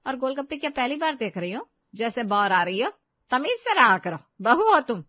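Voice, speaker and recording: A woman acts out a domineering middle-aged mother-in-law in a storybook tale, barking orders loudly in a high-pitched voice. She keeps scolding, with no warmth at all. The sound is close, dry and a little dull. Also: animated, normal speed, no room sound, lightly acted. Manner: scolding, loud and commanding.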